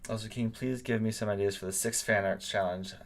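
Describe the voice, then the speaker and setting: A man's voice: on the low side, steady tone, fast talker. A young man teaching art, chatting loosely while he draws and answers live chat comments. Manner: rambling, with many fillers, reads out chat comments. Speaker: art teacher hosting a live drawing stream. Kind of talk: casual live-stream chat while drawing.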